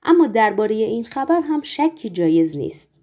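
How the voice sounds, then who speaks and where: A woman's voice: a little high, sing-song, dark tone. Woman reading as a probing Roman governor. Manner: measured, formal questioning.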